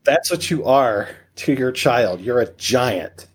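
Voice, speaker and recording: Joking and emphatic, a man on a parenting podcast peppers a casual interview with rhetorical questions. He speaks slowly in a husky, mid-range voice with lively intonation.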